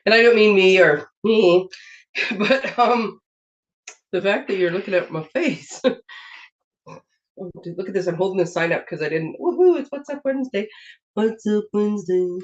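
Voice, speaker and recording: A woman's voice: medium pitch, measured pace, pauses often. Lady chatting on her craft stream from home, kinda stuffy from a sinus thing, giggly and rambly, muffled webcam sound. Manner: rambling and chatty, laughs often. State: recovering from a sinus infection, slightly congested. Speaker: host of a papercraft live stream. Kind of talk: casual live-stream chat. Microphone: webcam setup. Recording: dull lo-fi stream audio.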